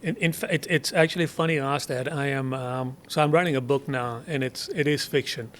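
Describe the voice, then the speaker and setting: A man in his sixties, a guest on an interview show, telling anecdotes in a relaxed, amused way. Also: medium pitch, fairly quick, a little hiss or hum. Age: 60s. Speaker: interview guest, investor and writer. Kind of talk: casual interview chat.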